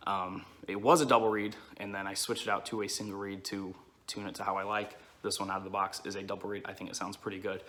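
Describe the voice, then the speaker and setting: Male, lowish pitch with a bright edge, casual tutorial delivery, plain-spoken explainer. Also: little pitch movement, quick pace. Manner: informal, explanatory, frequent check-ins like "okay" and "all right". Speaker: duck-calling instructor.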